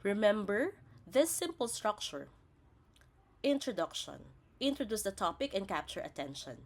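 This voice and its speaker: A woman presents a scripted lesson as a teacher, laying out each point in a didactic, step-by-step way. Her mid-range voice is very animated and moves at normal speed.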